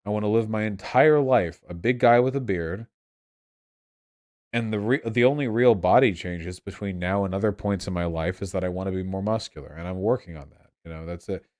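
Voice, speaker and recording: A young man with a fairly low voice talks off the cuff to a livestream audience. He sounds drunk and rambles, circling back and restarting phrases as he explains himself. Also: brisk, darkish tone. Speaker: livestream host answering chat. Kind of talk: casual rambling livestream talk.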